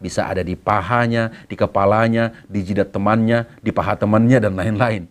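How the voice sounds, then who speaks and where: A man with an Indonesian accent, a pastor giving a sermon to students and telling stories with a playful, lively manner. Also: lowish voice, moderate pace. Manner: lively storytelling with acted quotes.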